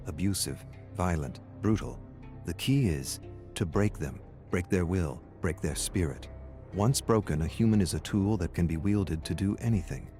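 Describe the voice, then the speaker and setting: A man with a very deep, mellow voice narrates gravely and deliberately, weighing each phrase in a scripted, dramatic delivery. Faint, soft music plays behind him.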